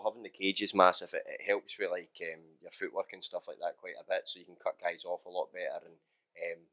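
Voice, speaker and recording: A man in his thirties with a very deep voice, rattling through his answers at speed. His delivery stays flat, loose and full of restarts. He is recorded on a handheld mic in a small room at a gym. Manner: quick, relaxed, many fillers and restarts. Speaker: MMA fighter and coach. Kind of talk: post-training interview. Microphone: handheld mic held close.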